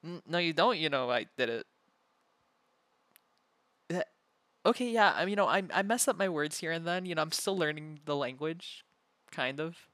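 A man's voice: on the high side, lively intonation, moderate pace, pauses often, bright, forceful tone, no echo. A man voicing an evasive, playful femboy prankster in an ASMR role-play, stammering and repeating himself as he protests. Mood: flustered denial.

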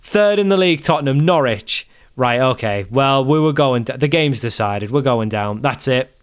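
A young man talks through a football management game in casual, exasperated commentary. He mutters to himself and circles back over the same point again and again. His voice sits at an ordinary middle pitch. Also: animated, moderate pace, clear, resonant tone. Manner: exasperated, self-talking, repeats himself. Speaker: gaming YouTuber.

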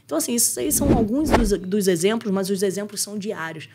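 A middle-aged Brazilian woman, a podcast guest, telling stories in an animated way and acting out the voices of others. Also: medium pitch, fast, very noisy. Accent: Brazilian Portuguese. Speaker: guest, jiu-jitsu champion and school owner. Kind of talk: conversational interview.

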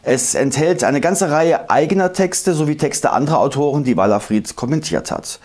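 A man narrating a scripted history lesson, explaining emphatically and slowing down to recite old verses. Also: a little high, expressive, a little mellow. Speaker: history video host.

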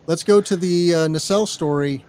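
A man's voice: a little high, darkish tone. Easygoing chatty male podcast co-host. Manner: chatty, easygoing, quick to banter. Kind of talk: casual chat.

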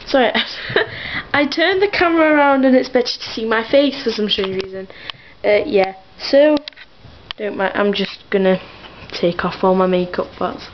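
A woman's voice: medium pitch, expressive, moderate pace, muffled recording, slight background noise. A young woman chatting aimlessly to her camera in her bedroom, full of fillers, giggles and side remarks. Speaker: vlogger. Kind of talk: rambling casual vlog.

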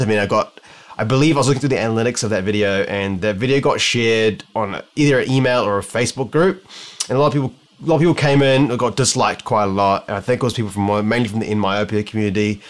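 Sitting indoors in his living room, a young New Zealand man who vlogs as an optometrist talks into a nearby camera in a fairly low voice. His casual talking-head musing wanders, with frequent false starts as he works out what he thinks.

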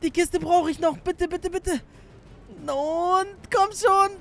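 A man's voice: extremely high pitch, fairly even intonation, takes it slowly, music in the background. A young man giving hectic, jokey running commentary on his gameplay, often pleading with the game. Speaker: gaming YouTuber.

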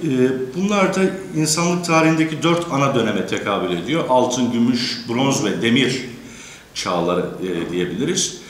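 A man giving a courteous academic lecture, pausing often with drawn-out fillers and addressing the teachers in his audience. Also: mid-range voice, expressive, a little hiss or hum. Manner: hesitant, many drawn-out fillers. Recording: echoey lecture room.

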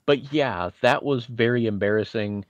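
A man's voice: mid-range voice, moderate pace, no echo. Podcast co-host, male, from Indiana, loose anecdotal delivery, lo-fi dry sound. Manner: chatty, winding anecdotes with self-deprecating asides. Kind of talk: casual nostalgic storytelling.

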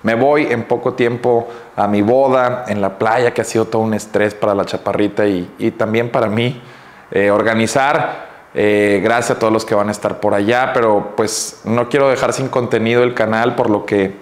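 A man hosting his own vlog in casual chat, relaxed and joking, talking at home and later from a car. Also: lowish voice, normal speed, reverberant. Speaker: vlog host.

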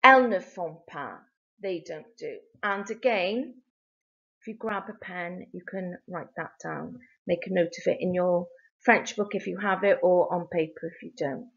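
A woman teaching a recorded language lesson to pupils, drilling phrases slowly and clearly for them to repeat. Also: on the low side, muffled recording. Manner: slow, clear drilling with repetition prompts. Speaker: French teacher. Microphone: video lesson mic.

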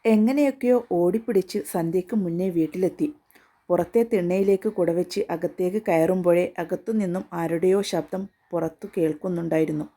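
A woman storyteller reading a serialized romance story aloud in an even, steady manner. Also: fairly low pitch, a little fast.

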